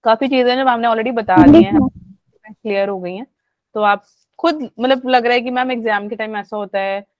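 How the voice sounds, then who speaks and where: A woman's voice: on the high side, moderate pace, darkish tone, no echo. A woman teacher leading a live online class, chatty and coaxing, mixing English into her talk. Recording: dull lo-fi online audio.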